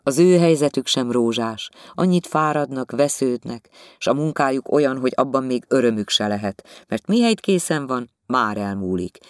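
A man voicing an elderly, patient family doctor who talks softly and gently lectures. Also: medium pitch, animated, hardly any pauses, clean tone, no room sound, studio quality, natural voice. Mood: reasoning. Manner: soft, mild, lecturing gently. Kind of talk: audiobook character voice.

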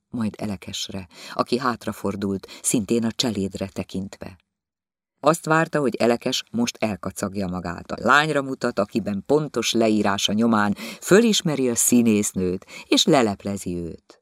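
Expressive male audiobook narrator. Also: fairly low pitch, dry recording, clean studio sound. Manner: measured, expressive storytelling. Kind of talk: audiobook reading of literary prose.

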